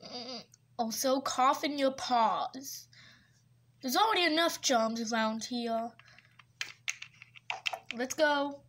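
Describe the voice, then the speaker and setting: A toy video maker voices every character in her homemade toy-pet hospital short, swinging from whispers to squeals. Her voice sits high and is a bit bright, moving slowly with long pauses, and faint hiss runs in the background.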